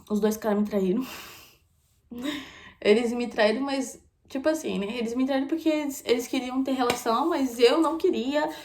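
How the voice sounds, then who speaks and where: A young woman from Brazil chatting candidly in a casual vlog, repeating phrases and dropping into soft asides. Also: a little high. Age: young adult. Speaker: vlogger. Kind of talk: casual confessional chat.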